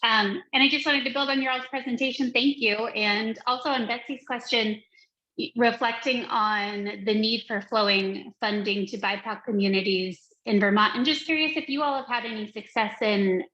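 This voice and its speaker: A woman's voice: a little high, steady tone, normal speed, pushed and bright. Woman, earnest question, careful wording, dull lo-fi sound, roomy echo. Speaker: audience member from a lending institution. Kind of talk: question in an online panel. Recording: dull echoey online call audio.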